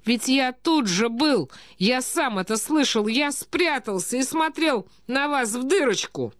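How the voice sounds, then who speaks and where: An anxious young nephew, acted by a woman pleads earnestly and slowly. The voice sits raised and lively, recorded close and dry. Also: high-pitched, no echo, pitched above the performer's own voice. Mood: pleading.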